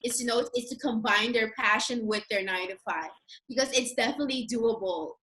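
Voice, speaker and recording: A high-voiced young woman from Curacao, in her 20s or 30s, chats casually as a guest about her career experiences. Her first language is a language of Curacao other than Dutch. She sounds brisk, pushed and bright, on a rough recording.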